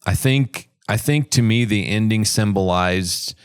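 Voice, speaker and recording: A man's voice: lowish voice, unhurried, clean tone, no echo, studio quality. An older man co-hosting a film podcast, musing in a thoughtful, rambling way with frequent restarts. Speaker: podcast co-host, the dad. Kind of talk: casual film discussion.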